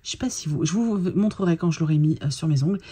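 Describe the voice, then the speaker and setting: Woman vlogger, tired and chatty, husky low-key voice, casual product chat to camera. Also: lively intonation, fast, dark tone. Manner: chatty, colloquial, lots of fillers and restarts.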